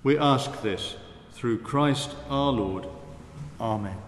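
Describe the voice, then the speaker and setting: A man, a priest, leading the Mass in solemn, measured prayer and chant, his voice ringing with cathedral echo. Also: mid-range voice, a little hiss or hum. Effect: cathedral echo, long church reverb. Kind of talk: liturgical prayer, spoken and chanted. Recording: echoey reverberant church hall.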